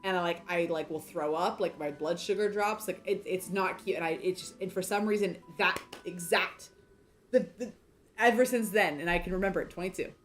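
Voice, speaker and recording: Rambling, lower-pitched woman gamer. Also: fairly quick, soft background music. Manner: rambling and self-deprecating, many fillers and restarts. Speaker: game streamer. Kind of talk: casual chat during a game playthrough.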